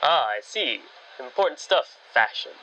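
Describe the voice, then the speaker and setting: Brash male New York heavy with a thick accent for a radio drama, played by a woman dropping her voice low. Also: lively intonation, measured pace, bright, forceful tone, a little hiss or hum, exaggerated voice, poor audio. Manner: brash, gruff.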